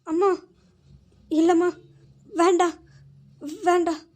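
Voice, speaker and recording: A woman's voice: high-pitched, little pitch movement, moderate pace, darkish tone, close to an everyday voice. A woman voicing a timid middle-aged housemaid mother who pleads hesitantly with her employer. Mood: pleading.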